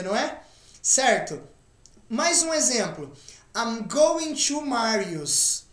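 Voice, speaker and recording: A Brazilian woman teaching an online English lesson at an unhurried pace, with a slightly high voice. She explains each point patiently and keeps checking in with the learner. The sound is roomy and echoey. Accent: Brazilian Portuguese. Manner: patient, explains step by step with frequent check-ins.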